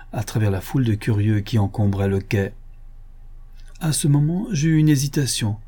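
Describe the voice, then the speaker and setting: A man reading a novel aloud as a first-person audiobook narration, telling it in a steady, expressive way. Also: mid-range voice, husky. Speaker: audiobook reader.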